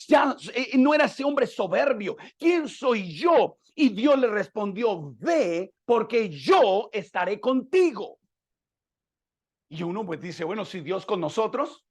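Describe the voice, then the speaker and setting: High-voiced pastor preaching with dramatic swings. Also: male voice. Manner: dramatic, acting out dialogue with swings from soft to loud. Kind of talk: sermon.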